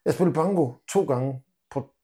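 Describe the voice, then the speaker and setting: Teasing man, mellow voice. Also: fairly high pitch. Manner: joking, teasing, playful storytelling. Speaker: podcast co-host. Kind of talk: casual banter.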